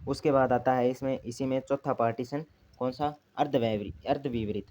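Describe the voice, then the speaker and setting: A man's voice: mid-range voice, fairly even intonation, moderate pace, dark tone, a little hiss or hum. A man teaching a grammar lesson, asking himself questions and repeating the key terms. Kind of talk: classroom lesson explanation.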